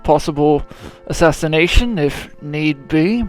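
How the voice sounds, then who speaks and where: Slow, high-voiced male player. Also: expressive, faint music behind. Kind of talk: casual game chat.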